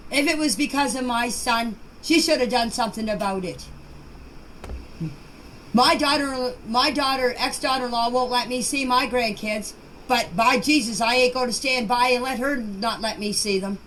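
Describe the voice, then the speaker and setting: This noisy amateur voice message comes from a middle-aged or older woman in a group chat, speaking unscripted in a slightly high, fairly bright voice. She's defensive and insistent, stumbling over names and words and saying things again.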